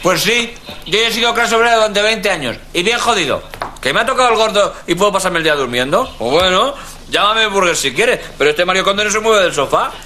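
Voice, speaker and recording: A man's voice: sits high, lively intonation, brisk, sharp tone, a little hiss or hum. A middle-aged actor playing a lazy, teasing husband who mocks his wife in a sitcom. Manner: teasing, smug, mocking. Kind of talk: sitcom acting.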